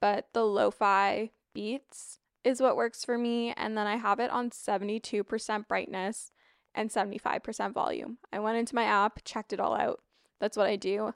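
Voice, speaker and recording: A young woman talks casually, like a lifestyle vlogger, and drifts into informal asides. Her voice is clean and smooth with a noticeable vocal fry and slight rasp, recorded close and dry at an average pitch. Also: no room sound. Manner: informal, frequent asides and digressions. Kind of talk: casual, chatty spoken routine rundown. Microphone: close microphone, wearing wired headphones.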